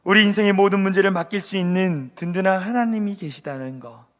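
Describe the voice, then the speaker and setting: A pastor in his thirties delivering an animated Friday prayer sermon, leading the congregation in call-and-response. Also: high voice, fast talker. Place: church sanctuary. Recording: long hall reverb.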